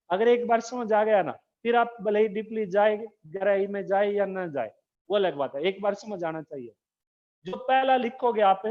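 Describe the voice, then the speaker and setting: Male schoolteacher, unhurried dictation, repeats key terms, lo-fi classroom recording. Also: sits high, darkish tone. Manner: slow, repetitive dictation; asks questions to the class. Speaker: school teacher. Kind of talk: recorded Hindi grammar lesson. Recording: dull lo-fi recording.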